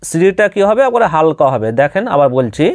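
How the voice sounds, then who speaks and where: A Bengali-accented Quran reading teacher gives a step-by-step spoken lesson on sounding out Arabic letters. His voice is a little high and sing-song, his pace quick, and the recording dry. He patiently repeats each letter and asks the listener questions.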